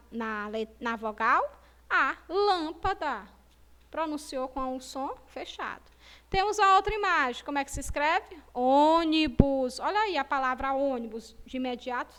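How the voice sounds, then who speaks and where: A Brazilian woman teaching a video lesson for young children, with a high-pitched voice. Her tone is bright and clear, and she speaks in a slow, sing-song way, stretching out the words she wants the children to repeat. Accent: Brazilian Portuguese. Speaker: primary school teacher.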